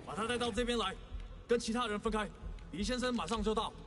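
An actor playing a brisk, commanding male gang henchman in a video game. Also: high-pitched, fairly bright tone.

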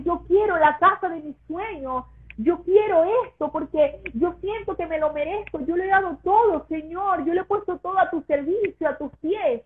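A woman giving an emotional religious testimony to a pastor, her voice rising high when she is moved. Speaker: guest sharing her testimony. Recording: tinny phone-like line.

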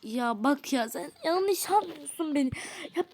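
A woman's voice: high-pitched, expressive, measured pace, a little mellow. A woman voicing a pleading teenage boy who keeps apologizing to his girlfriend in a doll role-play story.

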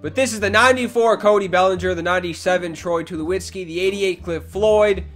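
A man's voice: high voice, brisk, fairly bright tone, soft background music. A young man giving casual gameplay commentary as a video host, reacting aloud to plays and complaining in exasperation. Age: young adult.

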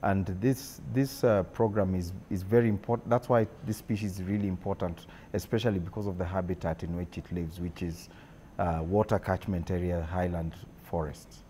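A man giving a measured, halting expert explanation in an unscripted interview. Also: low-pitched, steady tone, mellow. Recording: noticeable ambient background noise.

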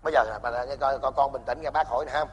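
An actor playing a pompous, blunt wealthy in-law who talks loudly, in a stage comedy sketch. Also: male voice, mid-range voice, fairly even intonation, slightly rough, big-room sound, close to an everyday voice. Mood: accusing. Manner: loud, blunt, fast-talking.

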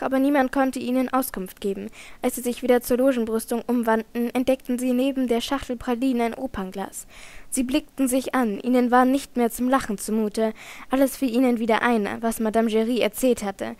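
A woman with a fairly high voice reading an audiobook in a measured storytelling manner. The recording is close and completely dry, with no room around it. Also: darkish tone, no echo. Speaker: audiobook narrator. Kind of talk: scripted narration.

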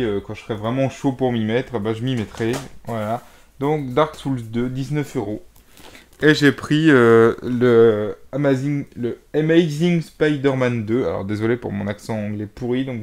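With a medium-pitched, darkish voice, a young gaming vlogger walks the camera through his game haul in a casual clip. He moves boxes around while rambling and hesitating, using lots of fillers, all captured on a camera mic.

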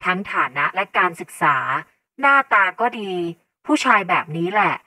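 A woman's voice: medium pitch, big pitch swings, normal speed, sharp tone, dry recording, far from the mic. A woman playing a stern, disapproving middle-aged mother who speaks in a firm, hard voice.

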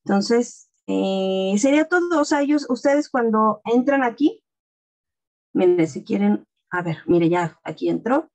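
A woman's voice: medium pitch, lively intonation, a little slow, a little mellow. A woman teaching an online class over a video call, patiently explaining each step. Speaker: class instructor.

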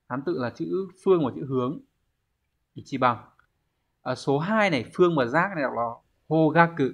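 A man's voice: medium pitch, a bit bright. A man with a Vietnamese accent teaching a Japanese exam lesson, explaining each answer step by step and asking himself questions. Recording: dull lo-fi recording.

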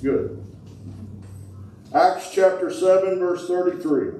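A middle-aged man preaching as pastor, calling out to his congregation and shouting with fervor. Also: sits high, slow pace, distant mic, slight background noise. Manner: fervent preaching, calls out to the congregation, shouts "woo". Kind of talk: sermon. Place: church sanctuary, indoors. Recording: echoey church hall from afar. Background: congregation responding.

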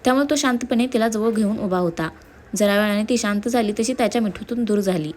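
A woman's voice: mid-range voice, fast, a little mellow. Woman reading a story aloud. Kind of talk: scripted story narration.

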